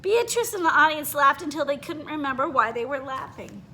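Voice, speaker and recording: With a high-pitched voice and a bit of hiss or hum in the background, a read-aloud storyteller animatedly performs a children's picture book. She reads expressively and stops now and then to put questions to her listeners.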